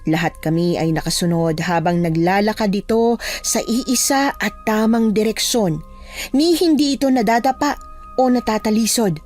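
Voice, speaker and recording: A woman's voice: medium pitch, normal speed, darkish tone, soft background music. A woman narrating a scripted first-person horror story in a dramatic, suspenseful way.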